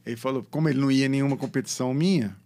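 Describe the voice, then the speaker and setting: A middle-aged man, a podcast guest telling a story in an animated, slangy way, emotional and close to tears. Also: medium pitch, very fast. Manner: animated, slangy, repeats "cara" and "bicho". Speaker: guest, former competitive swimmer. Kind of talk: casual storytelling.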